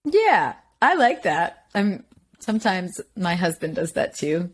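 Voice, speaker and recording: A woman's voice: lowish voice, sing-song, slow, slight background noise. A woman hosting a podcast, chatting candidly and laughing often while sharing anecdotes. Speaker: podcast host. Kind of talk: conversational podcast interview.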